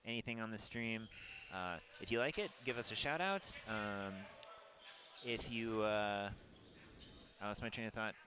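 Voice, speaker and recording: A man's voice: lowish voice, a little slow, noisy background. A man with a Minnesota accent doing casual, rambling sports commentary with lots of fillers. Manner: chatty, rambling, full of fillers.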